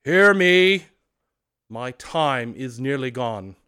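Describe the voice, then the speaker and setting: A man voicing a tormented old male ghost, speaking loudly, slowly and with great solemnity. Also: mid-range voice, animated, clean tone, voice pushed up. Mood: thundering. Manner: loud, slow, declamatory. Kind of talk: storybook reading.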